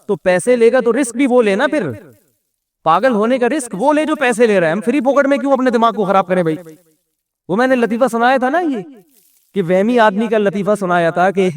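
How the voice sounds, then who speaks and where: A male Islamic scholar with a Pakistani Urdu accent delivers a relaxed, joking sermon. His voice sits a little high for a man. He acts out the people in his anecdotes as he tells them. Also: no room sound. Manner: humorous storytelling, acts out dialogue in other voices. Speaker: Islamic scholar giving a talk. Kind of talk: casual sermon with jokes and anecdotes.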